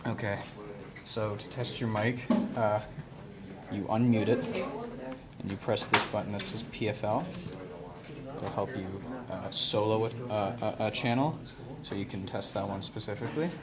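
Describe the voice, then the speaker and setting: An instructor with a fairly low voice and fairly even intonation gives a casual hands-on tutorial demonstrating audio equipment. He is informal and halting, often thinking aloud as he works. The room recording is clearly and very noisy, with handling sounds.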